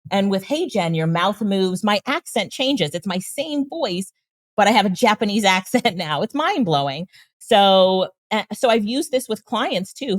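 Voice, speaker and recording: Speaking with a medium-pitched voice on a dry recording, this woman is an AI trainer and consultant appearing as a guest on an interview show. The talk is casual, and she describes tools with enthusiasm, laughing often.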